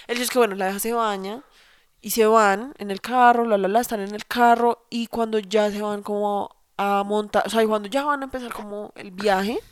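A woman's voice: medium pitch, normal speed, clean tone, no echo. A young woman casually retelling a film in chat, full of slang and acted-out quotes. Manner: animated storyteller acting out quoted lines with slang.

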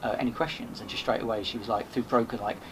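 A man's voice: medium pitch, steady tone, fast. A man, a podcast host appearing as a guest, telling a rambling casual story full of restarts and swearing. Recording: noisy background hiss.

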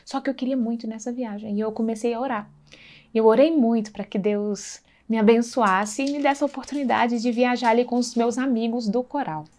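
A woman's voice: fairly high pitch, steady tone, brisk, darkish tone. A woman sharing a personal faith testimony in an earnest, conversational way, often checking in with her listeners. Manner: earnest, conversational, acts out dialogue, frequent tag questions.

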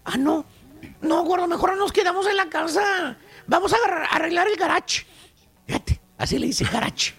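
Very high, creaky Chicano comic character. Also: male voice, normal speed, fairly bright tone. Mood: mocking. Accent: Chicano Mexican. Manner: mocking, exclamatory, streetwise. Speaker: comedy show host. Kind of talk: comic rant in slang.

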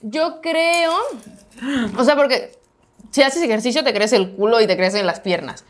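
A young woman from Monterrey with a northern Mexican accent, a podcast guest chatting casually, blunt and quick to laugh. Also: a little high. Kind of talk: casual chat. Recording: loud background noise.

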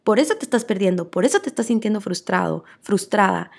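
Gravelly-voiced woman coaching. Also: medium pitch, expressive, quick pace. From Guatemala. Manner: earnest, repetitive, coaxing listeners with rhetorical questions. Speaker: podcast host and coach. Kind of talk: casual motivational podcast talk.

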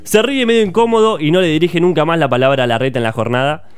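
A man's voice: on the high side, quick pace, clean tone, no echo, clean studio sound, faint music behind. A man with a Rioplatense Spanish accent hosting a comedic radio show, playfully setting up absurd quiz scenarios. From Argentina. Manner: playful, quizmaster storytelling. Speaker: radio host. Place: radio studio.

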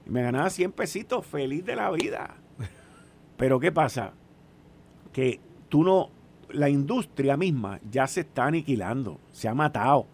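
A man in his sixties with a Puerto Rican accent, chatting casually and telling stories in an animated way, often putting questions to the listener. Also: mid-range voice, normal speed, slight background noise. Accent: Puerto Rican Spanish. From Puerto Rico. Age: 60s. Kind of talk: casual storytelling chat.

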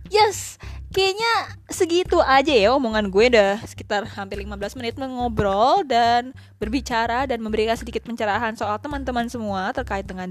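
Young woman host, blunt casual podcast talk, bright-ish higher pitch, light music bed. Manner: blunt, slangy, mixes in English phrases.

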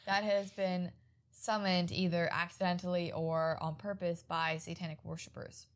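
A woman with a somewhat low voice leads a casual chat, recounting what she has read. She talks in a relaxed, easygoing way and laughs easily. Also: moderate pace. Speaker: podcast co-host presenting the research. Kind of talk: casual conversational storytelling.

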